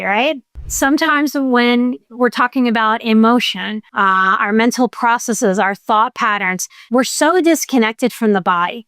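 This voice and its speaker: A woman's voice: a little high, a bit bright, clear, resonant tone, dry recording, clean studio sound. A woman hosting a podcast as an emotional coach, talking in a playful, earnest and folksy way. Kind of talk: conversational podcast monologue.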